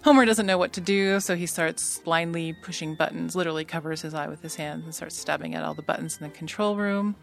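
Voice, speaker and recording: A woman's voice: sits low, quick pace, vocal fry, hardly any pauses, soft background music. A woman, a patent attorney, chatting as a guest and retelling a cartoon episode with an amused, laughing manner. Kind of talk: casual interview chat.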